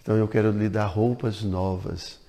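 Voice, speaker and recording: A man voicing a young goddess who speaks politely and gently gives orders, in a reverberant hall. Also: lowish voice, fairly even intonation, normal speed, gravelly. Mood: gracious.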